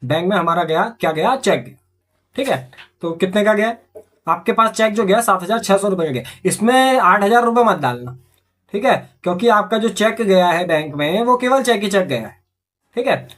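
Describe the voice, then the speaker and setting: A man's voice: sits high, expressive, normal speed, a bit bright. A man teaching accountancy, walking through journal entries step by step and asking and answering his own questions as he goes. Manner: repetitive, asks and answers own questions, frequent "theek hai".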